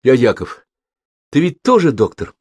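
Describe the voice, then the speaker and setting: A man's voice: medium pitch, huge pitch swings, normal speed, darkish tone, breathy edge, dry recording, pitched above the performer's own voice. A man voicing an earnest village boy. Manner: earnest, eager.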